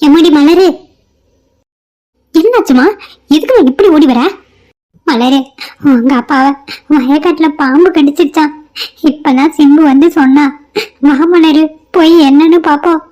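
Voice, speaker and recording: A woman's voice: high voice, a little slow, pauses often, dark tone. A woman voicing an anxious middle-aged village mother who frets and wails in fear. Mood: frightened. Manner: fretful, wailing. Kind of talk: cartoon voice acting.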